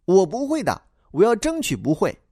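A man's voice: sits high, wildly swooping pitch, moderate pace, dark tone, husky, dry recording, studio quality, pitched above the performer's own voice, heavily acted. A man voicing a talkative young schoolboy in a storybook reading, eager and rambling.

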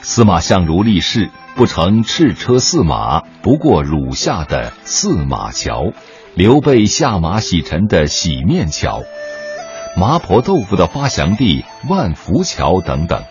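A man reading a scripted documentary narration in a measured, storytelling way. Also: sits low, wildly swooping pitch, a little mellow, dull audio, soft background music. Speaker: news narrator.

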